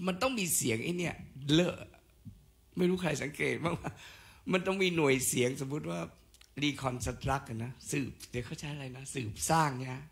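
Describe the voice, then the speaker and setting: A man's voice: mid-range voice, vocal fry. An older man giving a special lecture in a casual, digressive way with joking asides.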